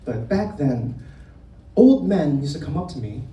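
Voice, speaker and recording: A Vietnam-born comedian performs a live stand-up set on a comedy club stage, teasing the crowd and addressing them directly. The voice is medium-pitched and warm, with big pitch swings and a measured pace. The lo-fi recording is roomy and distant, picking up audience noise.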